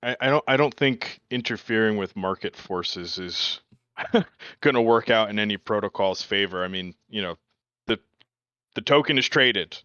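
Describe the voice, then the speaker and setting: A man with a low, smooth voice gives measured, considered opinions in a casual online voice chat. His mic sounds dull and dry, with no room around it. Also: sharp tone, no room sound. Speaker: team member.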